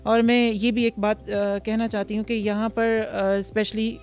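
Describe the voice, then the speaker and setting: A woman in her thirties from Pakistan, a restaurant founder answering interview questions outdoors into a handheld mic, pausing often with fillers. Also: mid-range voice, flat delivery, darkish tone, faint music behind. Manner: hesitant, many fillers, mixes English words. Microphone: handheld mic held by interviewer.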